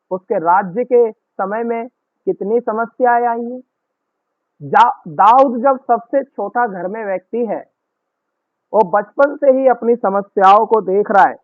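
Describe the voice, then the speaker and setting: A man preaching a sermon as pastor, earnest and repetitive, leaning slowly on key words. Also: high voice, no echo. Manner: earnest, repetitive preaching with slow emphatic stresses. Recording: tinny phone-like dry recording.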